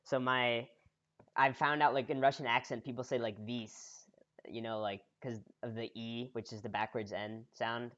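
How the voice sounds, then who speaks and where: A man's voice: medium pitch, normal speed. Casual man on a dull-sounding podcast mic. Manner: relaxed, heavy use of "like" and "uh". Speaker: podcast co-host. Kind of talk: casual chat.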